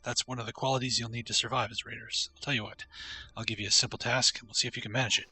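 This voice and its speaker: A man's voice: mid-range voice, a little fast, bright, forceful tone. A man reading as a scornful raider boss. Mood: gruff. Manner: sneering, dismissive.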